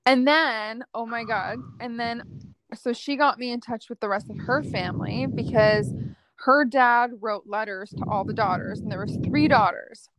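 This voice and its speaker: A young adult woman, a psychic medium guest, chatting casually and acting out the dialogue in her stories with lively energy. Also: on the high side, normal speed, a little hiss or hum. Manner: lively, acts out quoted dialogue. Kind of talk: casual storytelling chat.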